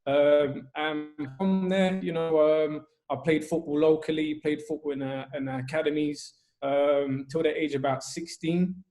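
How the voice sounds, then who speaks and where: A man in his twenties from Albania, a football coach telling his story earnestly over a video call, with many pauses and restarts. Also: fairly high pitch, fairly even intonation, darkish tone, faint music behind. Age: 20s.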